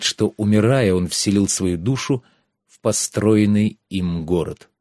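A man narrating a fantasy audiobook in a measured, savoring way, slowing down on descriptive images. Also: fairly low pitch, a little mellow, no room sound, studio quality.

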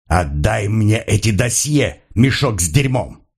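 A man voicing a brutal, gruff old male detective who snarls threats in an audiobook. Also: on the low side, very animated, unhurried, full character voice. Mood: menacing. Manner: snarling, menacing.

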